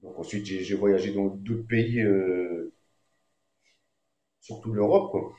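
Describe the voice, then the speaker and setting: A man who sings reggae and does comedy tells a story in a relaxed, slangy way, with fillers everywhere. His voice sits on the low side. The sound is roomy and echoey. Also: takes it slowly, highs cut off. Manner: laid-back, slangy, frequent fillers. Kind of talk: casual storytelling.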